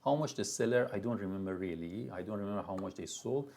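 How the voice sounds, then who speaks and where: A man's voice: lowish voice, quick pace, gravelly, a little mellow, a little hiss or hum. Persian-accented man giving a lecture. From Iran. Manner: loose, chatty lecturing with many restarts and fillers. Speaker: university lecturer. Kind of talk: live classroom lecture.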